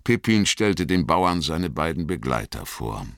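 A man reading an audiobook in measured, expressive scripted narration. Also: rumbling low, no echo, studio quality.

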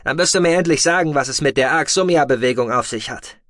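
A man voicing a brisk, pushy male starship captain who urges others on. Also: fairly high pitch, fairly bright tone, dry recording, clean studio sound, pitched above the performer's own voice, close to an everyday voice. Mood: urgent. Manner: brisk, urging.

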